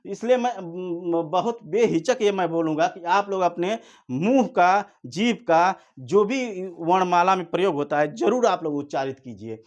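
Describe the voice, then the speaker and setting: A male teacher with a fairly high voice runs an exam-prep lesson. He talks slowly, repeats each point and stretches vowel sounds out to show how they are said. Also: expressive. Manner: slow, repetitive explaining, drawn-out vowel demonstrations.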